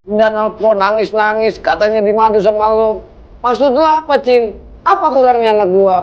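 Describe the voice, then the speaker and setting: Guy playing an angry dad yelling at his son-in-law, won't calm down. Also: high voice, moderate pace, muffled recording, close to an everyday voice. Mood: furious. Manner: scolding, insistent, confrontational. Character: angry middle-aged father confronting son-in-law. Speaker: father-in-law. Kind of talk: low-budget film acting.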